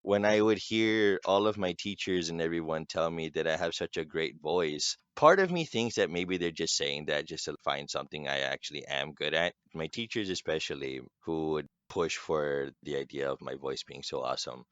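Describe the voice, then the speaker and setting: Young man, very deep resonant smooth voice, laughs a lot, casual podcast chat, slightly muffled dry sound. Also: normal speed, few pauses, dry recording. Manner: animated, laughs often. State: just-woken morning voice. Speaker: podcast guest. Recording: slightly dull dry recording.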